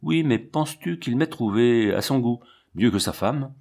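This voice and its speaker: A man's voice: medium pitch, expressive, normal speed, vocal fry, darkish tone. A man reading the part of a charming, flirtatious mother who speaks with insinuation. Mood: coy. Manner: coy, insinuating.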